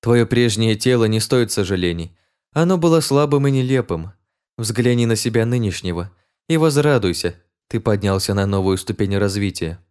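A man voicing a princess who speaks calmly and coldly. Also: fairly low pitch, normal speed, smooth, close to an everyday voice. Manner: calm and cold. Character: cool haughty princess, a young woman.

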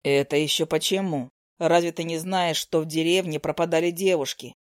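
A woman voicing an earnest young male healer who speaks slowly, softly and firmly, in a storybook reading. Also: sits low, steady tone, no room sound, studio quality, pitched below the performer's own voice, lightly acted. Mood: earnest, questioning. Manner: slow, soft, persuasive.

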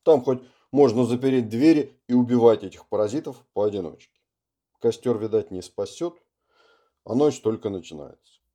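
A man's voice: medium pitch, expressive, moderate pace, dark tone, natural voice. A man voicing a brooding, bitter Russian colonel who speaks heavily and emphatically. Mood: grave. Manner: heavy, emphatic.

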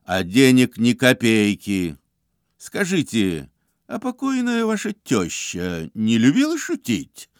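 A man reads a smooth-talking con man with a stern, commanding manner. He speaks firmly and loudly, with lively pitch. The sound is dry and close. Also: takes it slowly, no echo. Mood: lecturing. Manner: firm, loud, commanding delivery. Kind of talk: audiobook character voice.

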